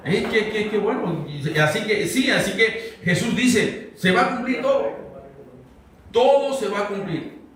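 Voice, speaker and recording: High-voiced pastor in echoing hall. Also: male voice, expressive, measured pace, a bit bright, slight background noise. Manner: conversational, quizzes the congregation. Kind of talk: verse-by-verse Bible teaching sermon. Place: church sanctuary. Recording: very echoey hall, mic far off.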